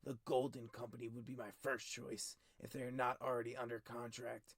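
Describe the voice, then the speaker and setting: A man voicing a stern, cold middle-aged king who talks in clipped, forceful commands, higher and louder than his narration. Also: little pitch movement, moderate pace, dry recording, natural voice. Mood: commanding.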